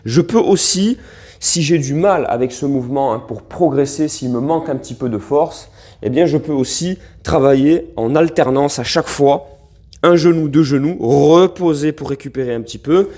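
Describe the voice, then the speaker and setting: A male fitness coach talks through an exercise demonstration in a relaxed, chatty manner, often checking in with his listeners. His voice sits a little high for a man but sounds mellow and soft. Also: normal speed. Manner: relaxed, chatty coaching with frequent "hein" and "d'accord".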